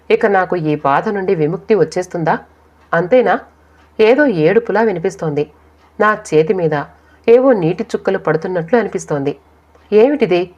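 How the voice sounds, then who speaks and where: Low-voiced woman telling a sad story. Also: darkish tone. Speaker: audiobook narrator. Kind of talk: first-person story narration. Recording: dull lo-fi recording.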